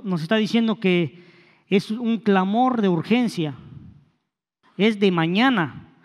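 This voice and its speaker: Higher-voiced man preaching in a reverberant hall. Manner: conversational, with hesitant restarts and rhetorical questions. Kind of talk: sermon. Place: church hall.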